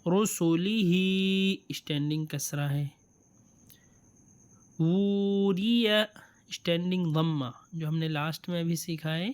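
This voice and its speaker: A Quran reading teacher with a smooth, fairly high voice gives a step-by-step lesson on letters. He drawls letters and words slowly, then explains quickly, patiently repeating sounds for the learner.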